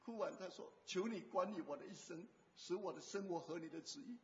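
A man preaching as a pastor, retelling a story and acting out the dialogue, swinging between loud and hushed. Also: high-pitched, brisk. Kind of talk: sermon with retold personal story. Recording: dull echoey hall recording.

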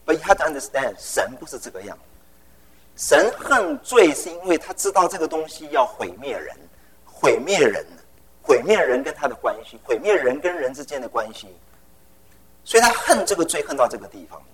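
A middle-aged male preacher with a lively, swooping delivery and a gravelly edge in his voice. He preaches animatedly and slips English phrases in among his words. His voice sits a little higher than most men's. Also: normal speed, rough recording. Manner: tells personal stories with vivid sound words. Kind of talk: sermon.

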